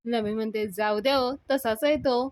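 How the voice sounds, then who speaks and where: A woman retelling a TV serial episode, acting out each character's lines in a lively way. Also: fairly high pitch, normal speed, no echo.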